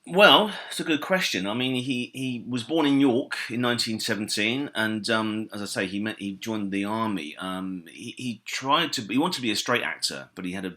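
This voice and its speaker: A man's voice: lowish voice, normal speed, hardly any pauses, pushed and bright. A British man, a comedy historian and author, answering interview questions in a casual, enthusiastic, rambling way with many fillers and restarts. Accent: British English. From Britain.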